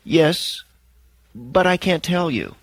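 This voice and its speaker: A small, frail, frightened young girl, as a man puts her on, with a raised but softened voice. She speaks slowly and picks each word with care. The sound is dry and close. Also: a little high, expressive, no echo, pitched above the performer's own voice, full character voice. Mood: fearful. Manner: slow, hushed, careful words. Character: frightened, frail nine-year-old girl caller.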